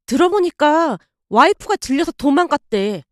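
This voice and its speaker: A woman's voice: high-pitched, expressive, moderate pace, no echo, clean studio sound. A woman voicing a chatty female nurse colleague who passes on gossip in a knowing, confiding tone.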